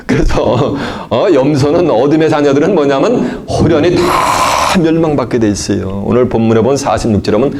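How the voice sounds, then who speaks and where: A man preaching a sermon. He keeps asking his listeners questions and answers them himself, and he moves between loud emphatic lines and low asides. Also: lively intonation, moderate pace, background noise. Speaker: pastor.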